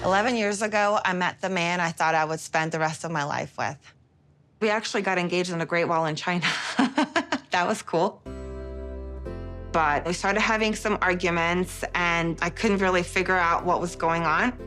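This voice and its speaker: A woman's voice: lowish voice, moderate pace, fairly bright tone, faint music behind. A woman in her thirties from Bosnia, telling her dating story candidly in a confessional interview, with frequent giggles. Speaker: reality show cast member.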